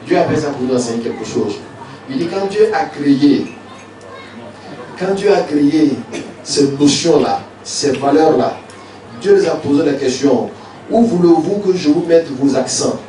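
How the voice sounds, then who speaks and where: A man's voice: mid-range voice, dark tone. A man teaching tafsir in a zawiya, reciting Arabic verses and explaining them in French, asking his listeners questions. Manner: addresses listeners directly with rhetorical questions. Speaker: Islamic teacher giving tafsir. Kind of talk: sermon-style commentary on a text. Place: zawiya gathering hall. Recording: very echoey, from far off, faint background noise.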